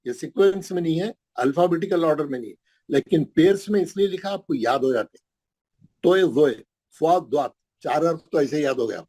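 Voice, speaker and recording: A middle-aged man teaching Quran pronunciation in an online class, patiently repeating each sound slowly for his pupils. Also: a little high, dark tone, rough recording. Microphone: video call.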